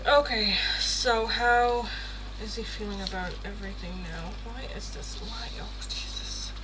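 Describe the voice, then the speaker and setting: Crowd noise and clear background sounds fill this rough recording of a medium-pitched woman speaking at a measured pace. A native Dutch speaker from the Netherlands, she hosts a live tarot stream and chats casually with viewers, chatty and expressive, with playful swearing.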